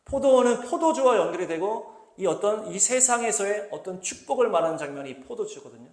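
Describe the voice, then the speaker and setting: A male pastor preaching a sermon, posing rhetorical questions to the congregation and slowly reading scripture aloud. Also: high voice, lively intonation, darkish tone, echoey room. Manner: asks the congregation rhetorical questions and answers them; reads scripture slowly and deliberately. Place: church hall.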